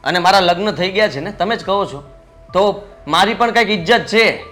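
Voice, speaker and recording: A smug, idle young son argues back at his father with mocking retorts. His voice is high and bright, and faint music plays under him. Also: moderate pace. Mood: defiant. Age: young adult.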